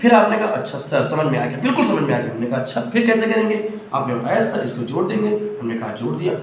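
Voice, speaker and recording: A man's voice: medium pitch, very animated, fast talker. A man teaching a school math lesson, speaking fondly to the children and acting out their replies. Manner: affectionate, playacts students' replies. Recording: very echoey room, faint background noise.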